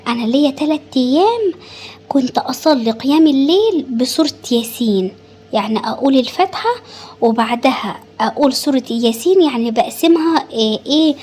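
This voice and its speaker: High-voiced chatty Egyptian woman. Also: darkish tone. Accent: Egyptian Arabic. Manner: chatty and confiding, addressing women viewers, many fillers. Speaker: home vlogger. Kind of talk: casual voice-over vlog chat.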